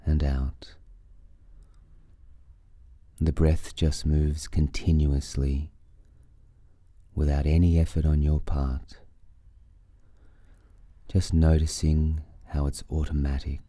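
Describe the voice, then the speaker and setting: A man leading a guided breathing meditation, giving soothing, unhurried instructions with long pauses between phrases. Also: extremely low pitch, warm tone, no echo.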